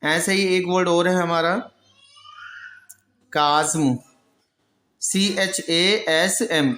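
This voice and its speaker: A male teacher giving a vocabulary lesson, who explains patiently, answers his own questions and repeats each word slowly. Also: sits high, a bit bright, roomy sound. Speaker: English pronunciation teacher. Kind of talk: Hindi-language vocabulary lesson.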